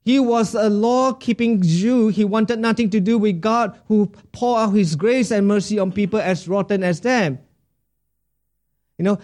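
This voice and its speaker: Slow, high-voiced male preacher. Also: a little mellow. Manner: deliberate preaching with rhetorical questions to the congregation. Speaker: pastor. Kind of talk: sermon.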